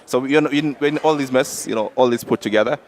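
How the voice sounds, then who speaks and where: A man's voice: mid-range voice, fast, a little hiss or hum. A man co-hosting a political talk show, arguing emphatically and pressing his points with repeated checks like "all right?". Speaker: podcast co-host. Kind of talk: political debate.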